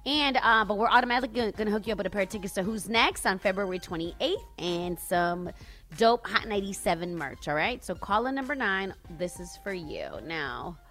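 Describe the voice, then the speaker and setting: A woman's voice: mid-range voice, animated, moderate pace, a bit bright. An American woman co-hosting a radio show, delivering news and announcements in live studio talk. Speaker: radio morning show co-host reporting entertainment news. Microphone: studio broadcast microphone. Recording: music bed under the voice.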